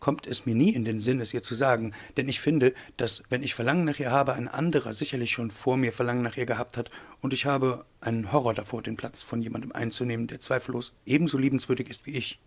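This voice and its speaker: Male reader's confessing young man: low, hesitant, raspy grain. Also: steady tone, fast talker, few pauses. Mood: reflective. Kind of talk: audiobook reading.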